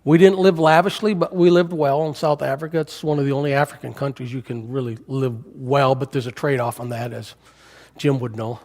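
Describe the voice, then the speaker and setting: A man's voice: mid-range voice, fairly even intonation, a little fast, a little mellow. A man in his sixties, an American missionary, giving a folksy, joking missions talk to a church congregation. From United States. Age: 60s. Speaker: missionary speaker. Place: church sanctuary. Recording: hall reverb in a church.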